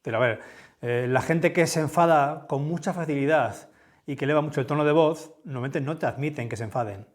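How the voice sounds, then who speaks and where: A man from with a big, booming voice gives a conference talk in a lecture room, speaking conversationally and often checking in with his listeners. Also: fairly quick. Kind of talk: conference talk with audience questions.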